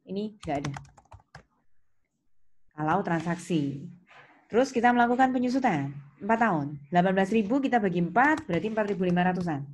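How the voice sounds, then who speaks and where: An animated woman with an Indonesian accent lectures on accounting in a mid-range voice, talking fairly quickly and pausing often. She works through examples step by step, teaching with questions and reminders, over clear background noise and keyboard clicks.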